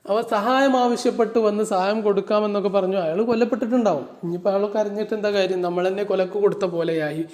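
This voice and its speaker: A man teaching Arabic grammar. He reads Arabic lines slowly and then explains them in quick, chatty asides. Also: sits high, darkish tone, reverberant. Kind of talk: classroom-style lesson explaining Arabic verses.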